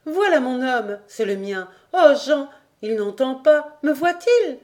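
A woman voicing an excited young fisherman's fiancée in an audiobook, calling out eagerly. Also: high voice, slow, voice pushed up, heavily acted.

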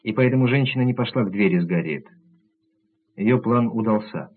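A man reading the part of a calm, analytical doctor who lays out his reasoning methodically, in a husky low voice on tinny audio. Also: brisk. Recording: tinny narrow-band audio.

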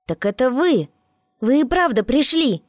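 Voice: medium pitch, moderate pace, dry recording, clean studio sound, voice pushed up, close to an everyday voice. A reader voicing a frightened but defiant ten-year-old boy in an audiobook, snapping back in a raised voice. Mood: excited. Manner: defiant, shouting. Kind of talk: audiobook character voice.

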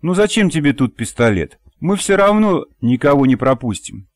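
A man's voice: a little high, very animated, no room sound, pitched above the performer's own voice. A male audiobook reader voicing a young woman who pleads and flares up, on the edge of tears. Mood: pleading, upset. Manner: pleading, tearful, quick to flare up. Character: young woman, emotional, stubborn daughter. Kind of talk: audiobook character voice.

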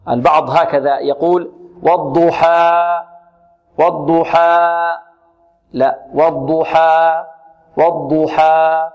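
A man teaching Quran recitation, asking questions, answering them himself and drawing sounds out slowly to demonstrate them. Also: on the high side, darkish tone, lo-fi sound. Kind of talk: Quran pronunciation lesson.

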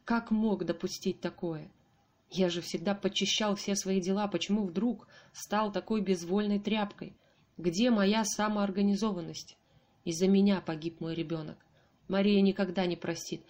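A woman reads a first-person audiobook as scripted narration, in a steady, even way. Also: mid-range voice. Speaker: audiobook reader.

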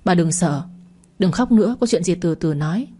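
A woman voicing a gentle older neighbour who is a doctor, in a narrated audio story. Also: lowish voice, expressive, moderate pace, slightly rough. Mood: soothing. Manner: soothing, sympathetic.

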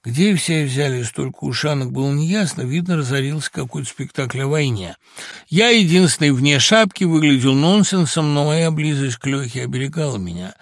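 Gravelly man reading a comic story. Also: on the high side, moderate pace, no room sound, studio quality. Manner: lively, wry storytelling. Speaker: audiobook narrator. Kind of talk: audiobook narration of a comic story.

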